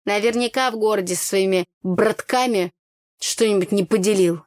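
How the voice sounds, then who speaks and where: A woman's voice: medium pitch, moderate pace, no room sound, studio quality, lightly acted. Woman voicing a brash gossipy village girl. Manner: blunt, slangy, grumbling.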